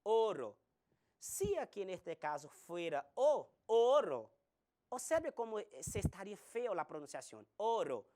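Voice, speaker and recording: A woman teaching a recorded Spanish grammar lesson, slowly spelling out examples. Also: mid-range voice, big pitch swings, warm tone. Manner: slow, deliberate explanation with spelled-out examples.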